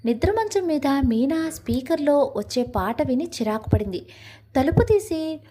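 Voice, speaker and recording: A woman's voice: high-pitched, animated, normal speed, mellow, a little hiss or hum. A woman reading a family story aloud as scripted narration, doing every character's lines herself. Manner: reads all parts herself, lifting her voice for dialogue.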